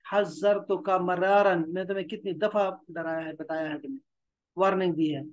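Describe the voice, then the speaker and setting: A man's voice: on the high side, fairly even intonation, fast talker, darkish tone, lo-fi sound. A man with a Pakistani Urdu accent teaching a language class. He reads each phrase aloud, explains it, and coaxes the students with repetition. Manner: coaxing, repeats himself. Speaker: Arabic teacher. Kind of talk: classroom lesson.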